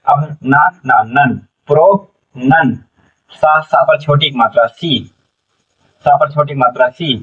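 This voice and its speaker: A man teaching a classroom phonics lesson, sounding out syllables slowly and asking students to repeat. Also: fairly high pitch, fairly even intonation, fairly bright tone, breathy edge. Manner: slow, spells out syllables, repeats questions to students. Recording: dull lo-fi sound from a distant mic.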